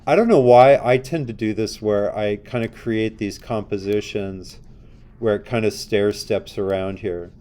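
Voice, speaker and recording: A man with a dark, on-the-low-side voice lectures a design class at a measured pace while demonstrating on screen. He talks casually and keeps asking his students questions as he works.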